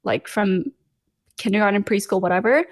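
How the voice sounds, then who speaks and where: On a podcast, a young woman artist from Los Angeles speaks at a medium pitch and moderate pace. It's a casual interview chat, and she's hesitant, using many fillers and little laughs.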